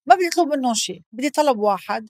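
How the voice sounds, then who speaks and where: A woman's voice: high-pitched, animated, racing, a little mellow, no room sound, clean studio sound. A woman with a Lebanese accent hosting a podcast, talking in a heartfelt, emphatic way and mixing in English phrases. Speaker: podcast host. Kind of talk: casual podcast chat.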